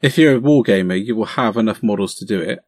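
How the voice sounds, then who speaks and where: An eager man with a slightly low voice, recorded dry and close to the mic. He chats keenly and encouragingly with his co-host, with plenty of fillers. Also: fast talker, dry recording. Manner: enthusiastic, encouraging, chatty. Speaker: podcast co-host. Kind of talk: casual chat about tabletop wargaming.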